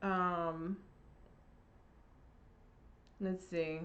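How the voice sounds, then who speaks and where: Woman host of a live Q&A stream, blunt and salty, sharp bright tone, dull lo-fi stream audio. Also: lowish voice, little pitch movement, drawn-out words. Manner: blunt, profane, chatty. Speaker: livestream host. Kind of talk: live Q&A reading viewer comments.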